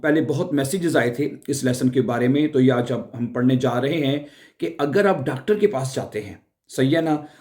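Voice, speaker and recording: A man teaching German phrases for a doctor's visit. He says each phrase slowly, repeats it, and often checks in with the learners. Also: mid-range voice, a little mellow. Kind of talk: explaining a language lesson.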